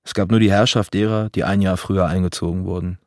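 A man's voice: deep voice, steady tone, fast, dry recording, studio quality. A man voicing a hardened old grandfather who grumbles blunt, cynical words. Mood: gruff. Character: gruff hardened old grandfather, army veteran.

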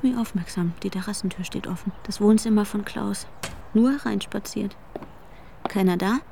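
An actress playing an anxious young woman haunted by trauma, narrating her own story in the first person with an intense, breathy delivery. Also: mid-range voice, normal speed, mellow, a little hiss or hum, lightly acted. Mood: tense. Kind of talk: audio drama narration. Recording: music playing underneath.

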